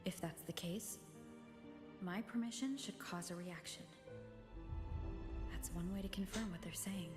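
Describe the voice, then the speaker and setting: An actress playing a composed young woman researcher in a game, talking in a measured, analytical way. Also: on the low side, lightly acted. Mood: calm, analytical. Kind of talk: game cutscene dialogue. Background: clear game music.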